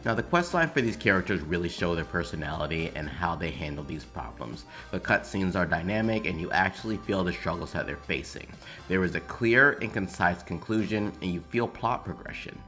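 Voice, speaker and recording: A video game commentary creator delivers an opinionated video essay, emphatic and informal with the occasional swear word. His deep voice is bright and forceful, with lively intonation and a slightly fast pace, while faint music plays behind him.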